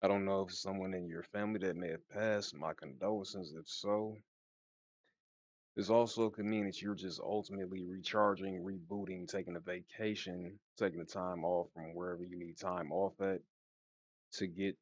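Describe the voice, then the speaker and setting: A man's voice: deep voice, fairly even intonation, normal speed, lo-fi sound. A man giving a casual, slangy tarot card reading, his speech slightly slurred and lisping from wearing a retainer. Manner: informal, slangy, laid-back. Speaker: tarot reader.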